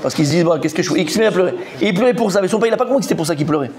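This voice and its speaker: Fast-talking rabbi telling Talmud stories. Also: male voice, high-pitched, a crowd in the background. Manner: animated, repetitive, acts out the characters. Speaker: rabbi teaching a Talmud class. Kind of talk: lively Talmud lesson storytelling.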